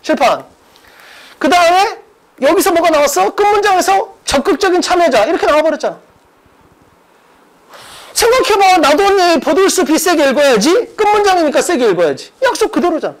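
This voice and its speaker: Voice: extremely high pitch, sing-song, a little fast, pauses often, poor audio. An English exam-prep teacher and academy director giving a mock exam explanation lecture, emphatic and casual with students, drilling points through repetition and rhetorical questions. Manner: casual informal speech to students.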